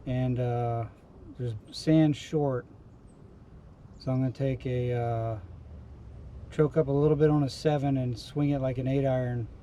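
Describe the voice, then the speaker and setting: A man giving casual, low-key golf commentary on his own round, talking through his shots in short, clipped phrases. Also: steady tone, unhurried, long pauses, mellow, slight background noise. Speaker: amateur golfer recording his own round. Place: outdoors on a golf course.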